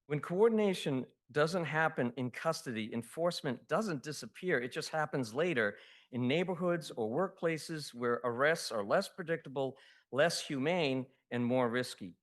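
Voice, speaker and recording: A man giving public comment at a city council meeting, reading a prepared statement in a steady, formal way. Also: a little high, moderate pace.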